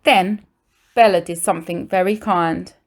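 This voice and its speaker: A woman reads a children's storybook aloud the way a primary teacher would, expressive and pausing deliberately to add emphasis for young listeners. Her voice sits lowish, and her intonation stays fairly even.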